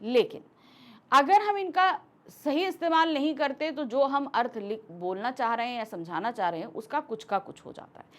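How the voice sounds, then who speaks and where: A woman's voice: high-pitched, moderate pace, fairly bright tone. A woman teacher explaining a grammar lesson step by step, acting out example sentences as she goes.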